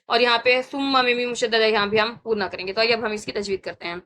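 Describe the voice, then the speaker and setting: A woman's voice: a little high, fairly even intonation, pushed and bright. A woman with a Pakistani Urdu accent teaching Quran recitation rules, explaining each rule and patiently repeating sounds several times for students to copy. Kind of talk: tajweed lesson with slow chanted recitation.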